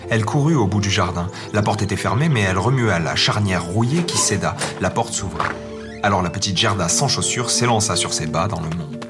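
A man narrating a fairy tale as a storybook reading, in a gentle, measured manner. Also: fairly low pitch. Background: faint music.

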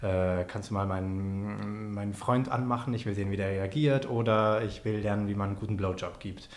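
A man from Switzerland with a Swiss accent, a podcast guest telling stories in a relaxed way with many fillers. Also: fairly low pitch, brisk. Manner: relaxed storytelling with frequent fillers. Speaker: podcast guest, performance artist. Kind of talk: casual conversation. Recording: roomy echo.

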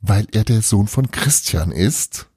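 A man's voice: sits low, expressive, moderate pace, vocal fry, darkish tone, husky, dry recording, clean studio sound, exaggerated voice. Man voicing an earnest young witch girl. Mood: exasperated. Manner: earnest, easily exasperated.

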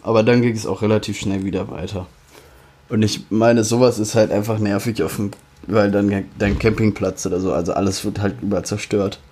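A man's voice: fairly low pitch, fairly even intonation, brisk, a little mellow. Teasing young man bantering on a podcast. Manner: teasing, crude, blunt. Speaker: podcast co-host. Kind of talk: casual banter.

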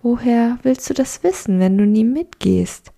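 Woman doing a hushed, coaxing inner voice, gravelly and mellow, in a storybook read. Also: a little high, measured pace, voice pushed up. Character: brave inner voice, encouraging.

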